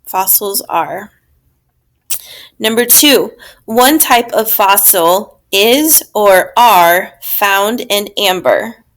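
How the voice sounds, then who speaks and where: Woman teacher, unhurried, patient grammar walkthrough for kids, mid-pitched. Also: fairly bright tone. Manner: slow, patient, explaining step by step. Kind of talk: recorded grammar lesson.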